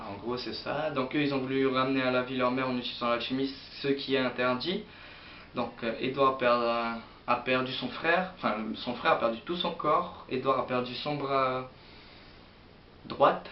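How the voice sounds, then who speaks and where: A young man chatting casually about manga to his viewers, hesitant and rambling with many fillers. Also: mid-range voice. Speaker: manga vlogger. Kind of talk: casual manga chronicle to camera. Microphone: built-in mic of an old computer setup. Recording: roomy, distant, dull lo-fi sound with faint hiss.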